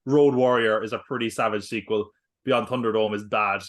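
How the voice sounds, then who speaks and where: A man's voice: on the low side, fairly even intonation, normal speed. A man co-hosting a film podcast, talking casually in a rambling way, full of fillers and jokey asides. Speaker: podcast co-host. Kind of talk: casual film review chat.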